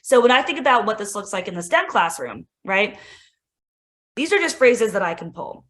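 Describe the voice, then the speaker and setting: Very animated and speaking at normal speed, a woman instructional coach clicks through a tech demo for teachers in a loose, friendly screen-share. Her medium pitch carries real enthusiasm, and she fills the talk with "like" and "right?".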